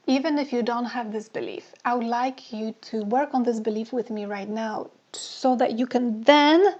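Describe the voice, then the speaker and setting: A woman with a fairly high voice runs a live online coaching session on dating. She fires off questions to her audience and repeats phrases for emphasis. The sound is muffled and lo-fi. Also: a little mellow. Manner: asks many rhetorical questions and repeats phrases.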